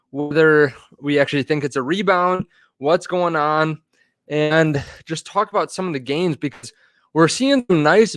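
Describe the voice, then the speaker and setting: Man, live-stream host, casual rambling, lots of ums, slightly breathless, fairly high voice, dry close sound. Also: fairly bright tone, dry recording. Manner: rambling, filler-heavy, restarts often. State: a bit out of breath. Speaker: finance channel host. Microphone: phone.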